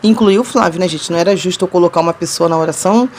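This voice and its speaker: A woman's voice: fairly low pitch, rapid-fire, darkish tone, slight background noise. Chatty Brazilian woman telling her story. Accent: Rio de Janeiro Brazilian Portuguese. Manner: chatty, addresses viewers as "gente", laughs between sentences. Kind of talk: casual personal storytelling.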